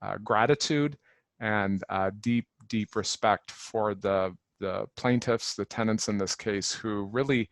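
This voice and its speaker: A man, an attorney, giving measured press conference remarks with frequent fillers. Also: on the low side, no room sound.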